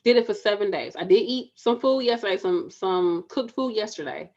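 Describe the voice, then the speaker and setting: A woman's voice: mid-range voice, moderate pace, a little mellow, lo-fi sound. Emphatic woman in her thirties, urging viewers. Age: 30s. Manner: emphatic, repeats lines to urge viewers on; casual, talks straight to viewers. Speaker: spiritual vlogger. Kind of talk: motivational direct-to-camera talk.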